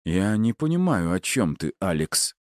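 A man's voice: deep voice, sing-song, a little slow, darkish tone, no room sound, clean studio sound. A man voicing the boss's young son, sly and agitated, in a tense, raised voice. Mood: evasive.

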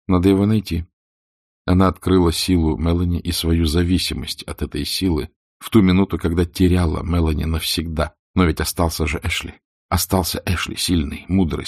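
A man narrating an audiobook in a measured, expressive way, with a husky, gravelly voice. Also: sits low, dry recording, clean studio sound.

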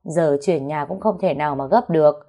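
A woman's voice: low voice, fairly quick, mellow. Woman voicing a placating young man. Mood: pleading. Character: young man calmly pleading for time.

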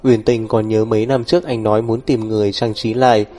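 A man narrating a novel in an even, unhurried storytelling voice. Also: lowish voice. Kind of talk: audiobook novel reading.

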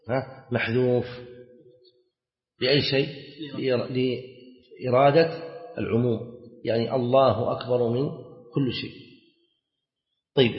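Man teaching fiqh in an echoey hall. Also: mid-range voice. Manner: repeats key phrases and asks students questions. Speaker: sheikh teaching Islamic jurisprudence. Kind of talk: classroom lesson explaining a fiqh text. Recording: echoey hall, dull lo-fi sound.

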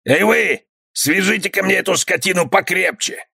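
A man voicing a gruff, threatening one-eyed male pirate in a read-aloud story. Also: high voice, normal speed, bright, forceful tone, dry recording, studio quality, pitched above the performer's own voice, exaggerated voice. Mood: menacing. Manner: threatening, sneering.

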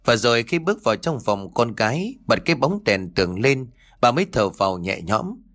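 A man's voice: medium pitch, big pitch swings, moderate pace, a bit bright. A man reading a serialized story aloud as audiobook narrator, voicing each character himself with shifts in tone. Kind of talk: scripted story narration with voiced dialogue.

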